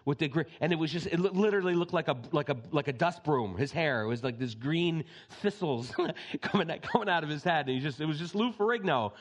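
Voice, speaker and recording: A middle-aged male pastor delivering a sermon in a fairly high voice. He speaks with animated passion and slips into acted-out voices for the people he quotes. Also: brisk. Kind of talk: sermon with personal anecdotes.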